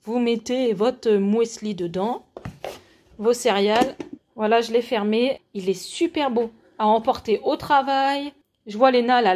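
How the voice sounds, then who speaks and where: A woman in her forties from France talks her viewers through a shopping haul in a relaxed, chatty way. Her voice sits a little high, and she pauses often with small fillers as she holds things up. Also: slight background noise. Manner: chatty, shows products to camera with many fillers. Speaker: vlogger. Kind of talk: casual haul vlog.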